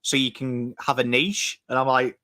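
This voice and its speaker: A man's voice: mid-range voice, little pitch movement, normal speed, bright, forceful tone, no echo. A man with an English accent, a guest YouTuber joking and chatting on a live stream. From England. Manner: joking, hypes the audience. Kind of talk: casual live-stream chat.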